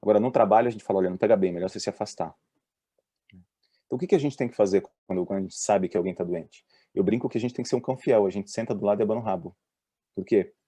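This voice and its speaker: A man with a Brazilian accent, a doctor giving a talk on mental health at work, telling lively stories and voicing the people in them. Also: on the low side, very fast, breathy edge, no room sound. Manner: lively storyteller, voices the people in his stories. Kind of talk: presentation with acted-out anecdotes.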